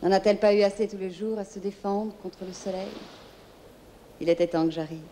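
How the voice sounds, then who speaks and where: A woman's voice: medium pitch, fairly even intonation, fairly quick, mellow, a little hiss or hum, natural voice. A woman playing a serene, consoling moon spirit in a theatrical film monologue, speaking lyrically in dreamy, lingering phrases. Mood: contemplative, pitying.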